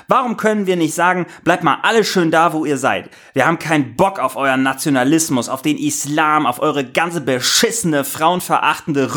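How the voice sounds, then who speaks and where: A man voicing a bitter, scornful older wife in a dramatized story reading, ranting and sharp-tongued. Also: a little high. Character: bitter grumbling older wife, retired official's spouse.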